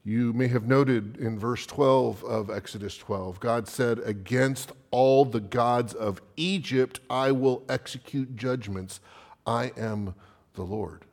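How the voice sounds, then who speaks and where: Slow, emphatic male preacher. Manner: slow, emphatic, swinging from loud declarations to hushed low phrases. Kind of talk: evening sermon.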